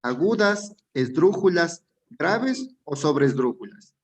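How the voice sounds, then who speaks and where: A man's voice: a little high, lively intonation, slow pace, slight background noise, low-quality recording. A male teacher with an Ecuadorian accent leads an exam-prep class. He works through each answer step by step and keeps checking in with rhetorical questions. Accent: Ecuadorian Spanish.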